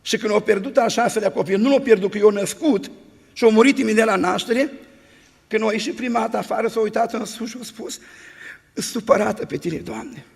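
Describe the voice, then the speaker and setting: A man's voice: high voice, fairly even intonation, creaky, husky, long reverb tail. A man preaching a sermon, telling stories in an earnest voice and acting out the quoted dialogue. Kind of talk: sermon with storytelling.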